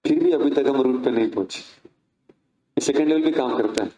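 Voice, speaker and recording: A man's voice: medium pitch, a little fast, warm tone. Man giving a storytelling talk in an echoey room. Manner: conversational, asks the audience questions. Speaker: speaker.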